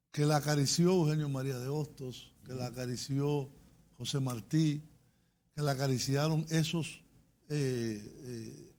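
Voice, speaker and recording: A man discusses and questions as an interviewer, haltingly thinking aloud. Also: mid-range voice, darkish tone. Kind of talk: conversational discussion.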